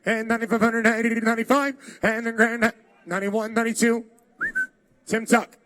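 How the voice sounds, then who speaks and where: A man's voice: very high voice, flat delivery, a little fast, fairly bright tone, a little hiss or hum. A man working as an auctioneer, calling bids in a rolling, repetitive chant of numbers. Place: live car auction.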